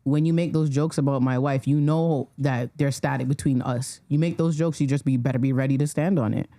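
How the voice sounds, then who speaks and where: A man's voice: medium pitch, steady tone, a little fast, warm tone. A man in a casual podcast chat, earnestly making a firm point.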